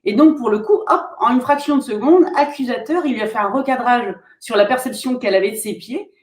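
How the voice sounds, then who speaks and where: French female therapist, high-ish voice, measured tone, echoey room. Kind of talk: casual discussion between therapists.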